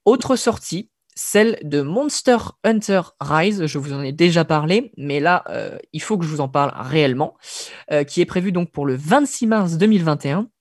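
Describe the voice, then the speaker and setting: A man's voice: a little high, lively intonation, a little fast, no echo, studio quality. A man presenting video game news on a radio show in a casual, hesitant way, with lots of fillers and wry asides.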